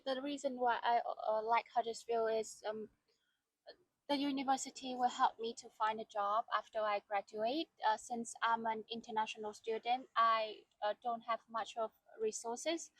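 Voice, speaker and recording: A woman's voice: fairly high pitch, dry recording, low-quality recording. A woman in her twenties with a Vietnamese accent, an undergraduate student answering hesitantly with frequent uhs. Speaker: bachelor's student. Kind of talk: casual interview answers.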